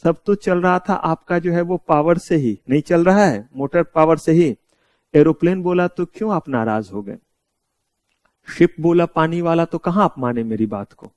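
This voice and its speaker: Indian male law lecturer, slightly high voice, explains by firing rhetorical questions at students. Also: normal speed, a little mellow, dry recording. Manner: mixes English terms into Hindi. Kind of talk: classroom lecture.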